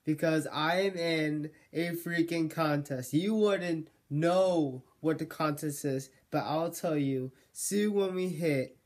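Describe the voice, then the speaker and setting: Rambling young male vlogger, slow mellow voice. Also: fairly high pitch. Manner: rambling, self-correcting, jokey. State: losing his voice. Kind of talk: casual vlog monologue.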